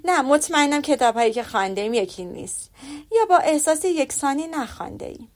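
A woman reading the lines of a witty, spirited young woman in a lively, teasing way. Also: high voice, pitched above the performer's own voice.

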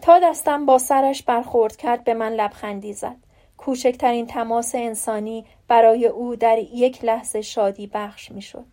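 A woman narrating an audiobook in the first person, reading calmly and evenly. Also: a little high.

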